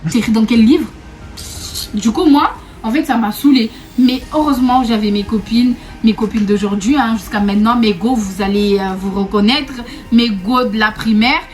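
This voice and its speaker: A young woman from Réunion tells a story to her camera in a loose, chatty way, and her voice sits a little higher than most. She circles back over her own words, laughs easily and keeps talking straight to her followers. Quiet music plays underneath. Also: moderate pace. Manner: chatty and repetitive, often laughing, calls viewers 'mes go'. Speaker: vlogger. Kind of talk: casual storytime chat to camera.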